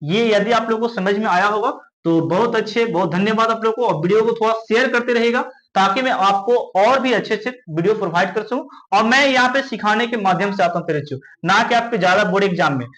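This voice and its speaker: A man with a Bihari Hindi accent teaches a school science class, his voice sitting high for a man. He keeps asking the class a question and answering it himself. He calls his students dear children. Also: fast, few pauses, a bit bright, rough recording. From India. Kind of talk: classroom lesson.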